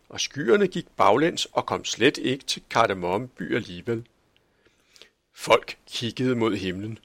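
A man narrating a children's story as an audiobook, reading in a calm, measured storytelling way. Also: mid-range voice, gravelly, no echo.

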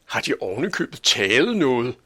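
A man voicing a calm, good-natured police chief in a storybook reading, speaking in an unhurried, gently reasoning way. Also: medium pitch, husky, no room sound, clean studio sound, heavily acted. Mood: placid.

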